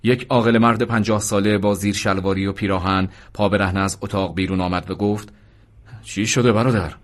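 Man narrating a story in a lowish voice. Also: level tone.

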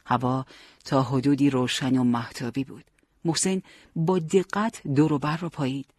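A man narrating an audiobook story in a calm, steady way. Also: on the high side, husky, dry recording, studio quality.

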